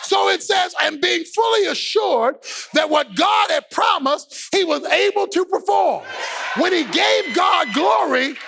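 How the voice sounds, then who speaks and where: A man preaching a sermon with an impassioned, sing-song shouted cadence. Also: extremely high pitch, expressive, a little slow, creaky, a faint crowd.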